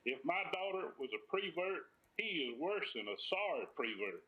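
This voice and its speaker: Older male interviewee, Alabama drawl, blunt and folksy, higher-set voice, muffled lo-fi video-call audio. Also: very animated, normal speed. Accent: Alabama Southern American. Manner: plain-spoken, folksy, blunt. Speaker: interview guest, farmer. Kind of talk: earnest interview testimony.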